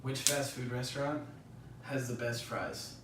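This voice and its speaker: A young man hosting a casual podcast chat, an excitable storyteller who swears freely and laughs mid-sentence. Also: medium pitch, a little slow. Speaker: podcast host. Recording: roomy echo, far from mic, faint noise.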